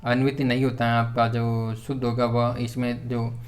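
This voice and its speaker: A man's voice: medium pitch, monotone, normal speed. A man with a Hindi accent teaching an exam-prep grammar lesson, hesitant with many fillers and restarts, repeating corrections over and over. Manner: repetitive corrective phrasing.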